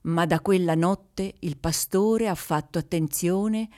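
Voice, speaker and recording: A woman narrating a folk tale in a measured storytelling manner. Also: lowish voice, darkish tone.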